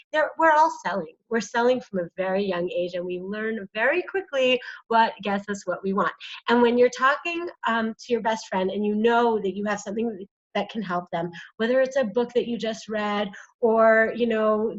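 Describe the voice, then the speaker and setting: A woman's voice: on the high side, dull audio. A woman coaching doulas through a worksheet in a casual, earnest video talk, full of fillers and pleading asides. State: shivering from cold. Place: indoors, cold room.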